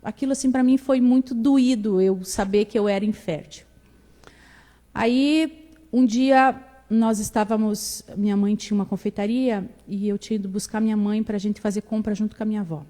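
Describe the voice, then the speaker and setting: Mellow woman in a reverberant hall. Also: medium pitch, normal speed. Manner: lively storyteller acting out dialogue. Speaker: church testimony speaker. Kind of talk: personal faith testimony.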